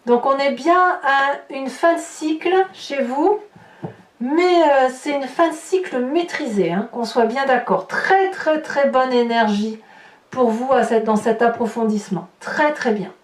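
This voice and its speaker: Hosting a horoscope channel, a woman with a fairly high voice gives her viewers a tarot reading at a measured pace. She thinks aloud informally, often checking in with small questions, and the recording sounds roomy and echoey, picked up from a distant microphone.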